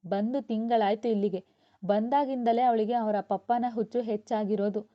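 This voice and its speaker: A woman reading a storybook aloud, voicing a weary, short-tempered young mother who scolds briskly. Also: on the high side, fairly even intonation, lightly acted. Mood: scolding. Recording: dull lo-fi.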